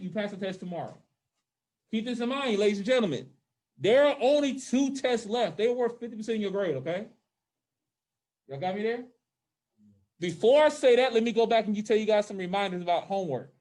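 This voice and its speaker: Through a slightly muffling face mask, a high school social studies teacher with a high, a little mellow voice leads a class for in-person and online students. His manner is informal, and he often pauses to make sure everyone keeps up.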